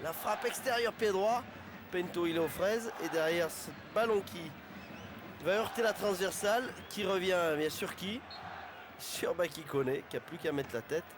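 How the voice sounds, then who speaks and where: A man giving excited live football analysis of replays, conversational, repeating phrases for emphasis. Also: sits high, normal speed. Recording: very loud stadium noise. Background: loud stadium noise.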